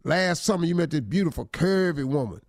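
Lively high-voiced man teasing on air. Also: a little fast, no room sound, studio quality. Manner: teasing, mock-quotes the letter writer. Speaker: radio show co-host giving advice. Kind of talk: comic relationship advice chat.

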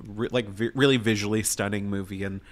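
A man's voice: lowish voice, fairly even intonation, fairly quick. A man in casual film chat, talking in a playful, campy, slangy way.

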